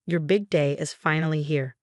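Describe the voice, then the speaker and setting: A woman voicing a smooth, self-absorbed middle-aged father who talks breezily. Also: low voice, fairly even intonation, normal speed, darkish tone, no echo, clean studio sound, close to an everyday voice. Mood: glib.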